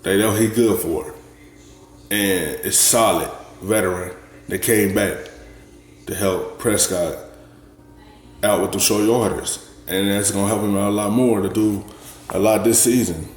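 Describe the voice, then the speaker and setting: Low relaxed male reaction host. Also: reverberant. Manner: relaxed, short halting sentences. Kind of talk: casual sports commentary.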